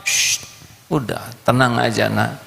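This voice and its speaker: A man putting on a soft, soothing mother who coaxes her children calmly. The voice sits somewhat higher than a man's usual speech. It carries a long reverb in a large hall. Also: normal speed, creaky. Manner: soft, calming, coaxing.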